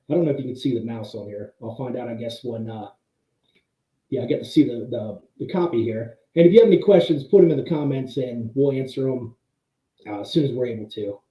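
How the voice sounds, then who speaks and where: A man hosting a monthly history talk, explaining slides conversationally, heard in tinny, low-sample-rate audio from an empty room. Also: dark tone, echoey room. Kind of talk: casual slide-show presentation. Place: pretty much empty room.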